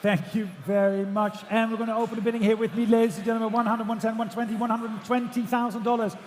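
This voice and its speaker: A man working as an auctioneer, calling bids in rhythmic, repetitive number patter, projecting loudly to a room. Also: high voice, little pitch movement, fast talker. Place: large auction room with bidders. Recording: echoey auction hall, faint background noise.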